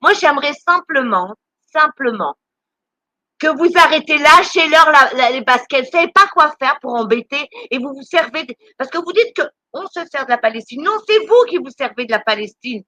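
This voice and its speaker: Woman, high and bright, indignant live-stream rant, stammers and repeats herself. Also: lively intonation, moderate pace, no room sound. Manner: indignant, scolding. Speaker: charity volunteer speaking on a live stream.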